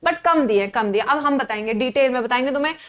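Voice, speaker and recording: A young woman teaching a live online biology class, mixing Hindi and English, playful and animated, asking questions and answering them herself. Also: high voice, fast talker, a little hiss or hum.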